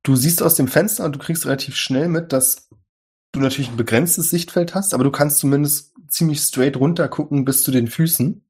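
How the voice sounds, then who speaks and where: A man narrating as game master of a tabletop role-playing game, calmly explaining rules and scenes with dry humor. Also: on the high side, brisk, husky.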